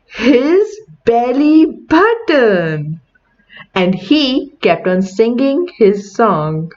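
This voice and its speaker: A woman hosting a children's read-aloud reads a picture book at an unhurried pace, her pitch rising and falling in an animated way. Her delivery is deliberate and teacherly, with questions and counting, and the recording sounds a little dull and lo-fi.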